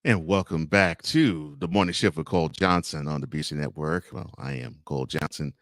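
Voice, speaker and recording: A man's voice: extremely low pitch, moderate pace, no room sound. A man hosting a live morning variety show, chatting casually, reading out viewer comments with frequent laughs. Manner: chatty, laughs often, repeats plugs.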